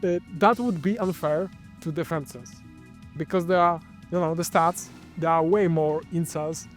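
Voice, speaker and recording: Soft background music runs under this Polish channel host as he delivers a wry, rambling commentary at normal speed. His voice is a little high and carries a Polish accent, and he frequently stumbles and corrects himself.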